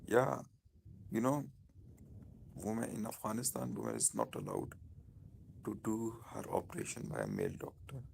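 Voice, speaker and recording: A man with a Pakistani accent speaking informally on a live stream, in halting, repetitive phrases. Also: on the low side, huge pitch swings, creaky, a little mellow, slight background noise.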